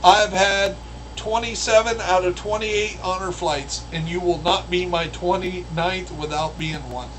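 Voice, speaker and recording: A man voicing a stern, measured male drill instructor who never curses, in a story he is telling. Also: high voice, fairly even intonation, fairly bright tone, slight background noise, low-quality recording.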